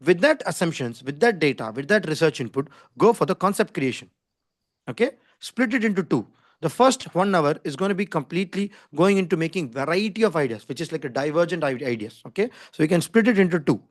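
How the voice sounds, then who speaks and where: A man with an Indian English accent teaches an online class at a rapid clip. His voice sits a little high and sounds dry and close. He explains insistently and informally, repeating points and often checking for understanding. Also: lively intonation, no room sound. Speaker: design skills instructor. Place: online video call with screen share.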